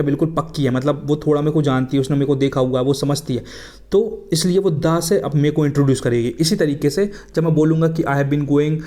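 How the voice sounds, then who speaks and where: A male English teacher with an Indian English accent, speaking in a voice slightly higher than usual. His lesson is casual and chatty, and he keeps addressing the viewers as friends while switching between Hindi and English. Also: dark tone.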